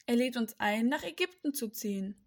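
A woman's voice: fairly high pitch, lively intonation, normal speed. Woman voicing eager brothers calling out. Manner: loud, urgent calling. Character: group of grown brothers, eager and insistent.

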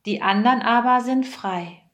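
A woman reading aloud and voicing a stern male steward who shouts commands at a group of thieves in a storybook tale. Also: fairly high pitch, unhurried.

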